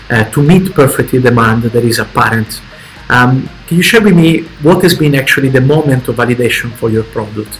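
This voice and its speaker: A man hosting a podcast interview, asking long questions with many pauses and fillers that trail off quietly. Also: mid-range voice, a little hiss or hum, poor audio. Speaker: podcast host.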